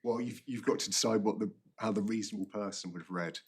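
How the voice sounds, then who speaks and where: A man arguing an appeal as a barrister, formally, halting and often repeating words. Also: on the low side, breathy edge. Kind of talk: formal courtroom legal argument.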